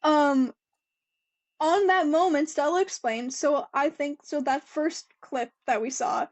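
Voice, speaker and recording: Chatty young woman with a high voice, laughs often, casual podcast co-host, talks through what she reads. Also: a little slow. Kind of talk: casual chat about motor racing.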